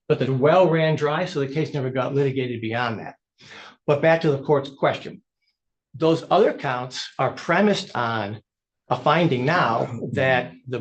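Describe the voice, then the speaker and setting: Male attorney, medium pitch, courtroom argument delivered in short emphatic statements. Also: lo-fi sound. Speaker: attorney arguing before a judge.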